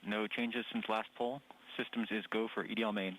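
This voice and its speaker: A man's voice: fairly low pitch, fairly even intonation, brisk, fairly bright tone. Man reporting over noisy comms. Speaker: systems operator. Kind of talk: procedural status report.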